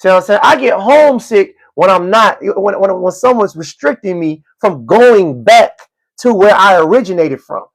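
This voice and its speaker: High, gravelly man ranting. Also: normal speed. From United States. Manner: profane, animated, stammering repeats, mocking. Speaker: live stream host. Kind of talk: ranting commentary.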